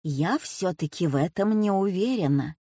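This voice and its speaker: A fussing old grandmother, as a woman reader puts her on, her voice dropped lower than the narration and slowed to a sighing drawl. She frets to her granddaughter in an audiobook story. The recording is dry and close. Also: animated, dark tone, breathy edge, dry recording. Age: over 60.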